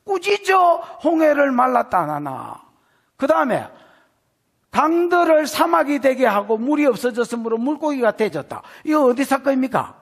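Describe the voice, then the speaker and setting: Male pastor, Gyeongsang accent, very high voice with swooping pitch, playful and animated sermon delivery at a church service. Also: moderate pace. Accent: Gyeongsang Korean. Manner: animated, folksy, teasing, acts out scenes. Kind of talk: expository sermon.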